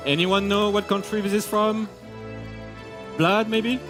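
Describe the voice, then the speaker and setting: A man's voice: high voice, steady tone, measured pace, music in the background. A man with a French accent presenting a scripted keynote on stage, bantering playfully with his co-presenters. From France. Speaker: crypto executive presenter.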